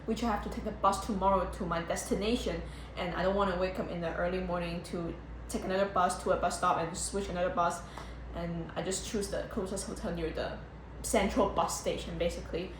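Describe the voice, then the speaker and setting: With a voice on the low side and a slightly quick pace, a young travel vlogger shows off a budget hotel room and entrance, filmed handheld on her phone. Her casual chatter is excitable and peppered with giggles and "like"s, though the echoey space is full of loud background noise.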